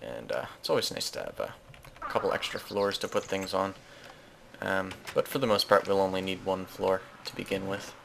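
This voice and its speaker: Gaming host, male, lowish gravelly voice, loose self-correcting chatter over gameplay, faint keyboard clatter behind. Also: moderate pace, a bit bright, slight background noise. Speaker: Let's Play host. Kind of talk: casual gameplay commentary.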